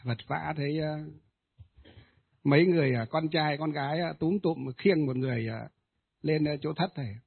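A man, a Buddhist ritual master, tells a ghost story in a hesitant way, with many filler pauses. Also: fairly high pitch, gravelly, husky. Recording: tinny phone-like audio.

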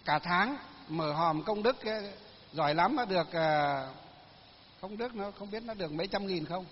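A monk giving a sermon, telling folksy stories with many fillers. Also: male voice, high-pitched, expressive, moderate pace, slight background noise. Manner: folksy storytelling, many fillers, laughs at own tales. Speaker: Buddhist monk. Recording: lo-fi recording with long hall reverb.

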